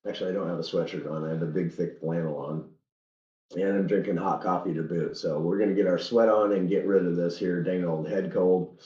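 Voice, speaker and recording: A man hosting a racing livestream speaks with a low, steady, mellow voice, though a head cold is clearly bothering him. His casual commentary is folksy and earnest with occasional halts, captured in reverberant, lo-fi sound.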